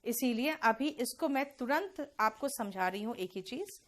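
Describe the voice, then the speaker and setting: A woman with an Indian accent teaching English pronunciation in an online class, addressing students fondly and drilling words slowly. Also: fairly high pitch, lively intonation. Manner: addresses students as beta, slow deliberate word drills.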